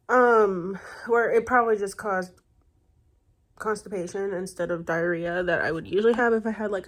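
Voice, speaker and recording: A woman's voice: mid-range voice, gravelly. A young woman vlogging in a rambling, chatty way, with lots of fillers and self-corrections, and a congested voice. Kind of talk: casual chat.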